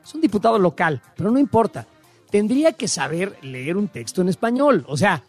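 Mexican guy cracking crude jokes, high voice, co-hosting, faint music. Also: very animated, fairly quick. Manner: crude, joking, mocking. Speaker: co-host. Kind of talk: casual comedic commentary.

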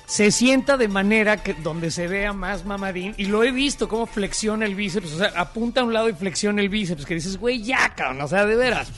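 A man's voice: high-pitched, a little fast, hardly any pauses, a bit bright, faint music behind. A man with a Mexican accent co-hosting a casual comedic chat, joking and slangy. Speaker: co-host.

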